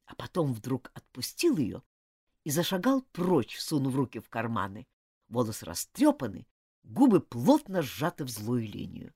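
A woman narrating an audiobook in an expressive storytelling manner. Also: extremely low pitch, normal speed, slightly rough, no echo, studio quality.

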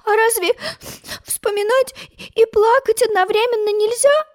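A woman's voice: very high voice, fairly even intonation, a little slow, pitched above the performer's own voice. A woman voicing an earnest, curious seven-year-old girl. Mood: plaintive. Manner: plain, questioning, a little teasing.

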